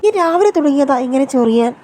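A woman's voice: sits high, expressive, fast talker, dark tone, a little hiss or hum. A woman voicing a scheming young man who mocks his cousin's wife and then denies everything. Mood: sneering. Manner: mocking, then defensive denials.

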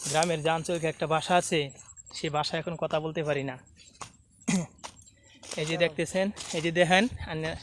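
A man's voice: fairly high pitch, level tone, normal speed, pauses often, a bit bright, a little hiss or hum. A man from Mymensingh with a Mymensingh Bengali accent, walking outdoors by fields and a dry canal and chatting casually to a phone camera, repeating himself and mixing dialect with standard speech. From Mymensingh, Bangladesh. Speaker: vlogger.

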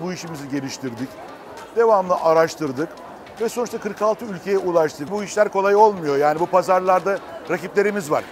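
A middle-aged man representing his company at a trade fair, speaking emphatically. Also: fairly high pitch. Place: trade fair booth, indoors.

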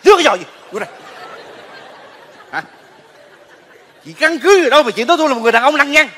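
An offended husband yelling back on stage, high sharp voice, big echoey hall. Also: male voice, very animated, fairly quick, full character voice. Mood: indignant. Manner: indignant, shouting back. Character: quarrelsome middle-aged husband accused of cheating. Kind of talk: live stage comedy sketch. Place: large theater stage.

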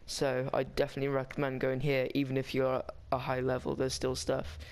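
A man's voice: mid-range voice, completely flat delivery, brisk, smooth. A man talking casually over a game walkthrough, rambling and chatty with frequent restarts. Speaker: gaming guide maker.

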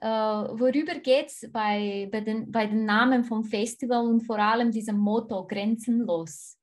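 A woman's voice: fairly high pitch, unhurried. A woman in her forties interviewing a guest over a video call, hesitating often with fillers. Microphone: webcam on a video call.

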